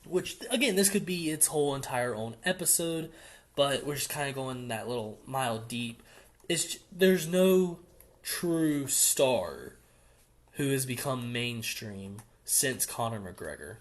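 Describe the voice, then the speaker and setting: A man's voice: medium pitch, animated, measured pace. A young man co-hosting a casual podcast, giving his opinions in long run-on explanations. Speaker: podcast co-host.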